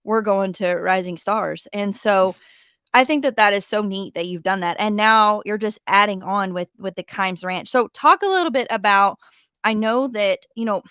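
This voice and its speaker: A woman hosting a podcast, chatting warmly and praising her guest. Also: mid-range voice, normal speed, smooth, dry recording, clean studio sound. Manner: admiring, encouraging. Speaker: podcast host. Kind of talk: casual interview chat.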